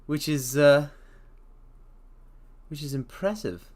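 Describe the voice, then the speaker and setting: A slow-speaking man with a fairly high pitch chats casually on a live stream. His manner is playful and theatrical; he addresses the audience as mortals and hums gently to himself between phrases.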